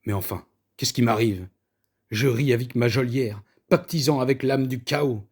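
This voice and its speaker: A man voicing a grumpy, stubborn, combative meat-loving man in a storybook reading, gruff and indignant. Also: mid-range voice, normal speed, a little mellow, close to an everyday voice. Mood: bewildered.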